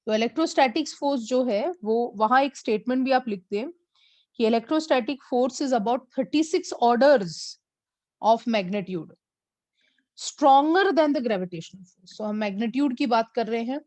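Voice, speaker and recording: A woman physics teacher, mixing Hindi and as she teaches an online class and slowly repeats numbers for her students. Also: fairly high pitch, lively intonation, darkish tone, dry recording. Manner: mixes Hindi and English.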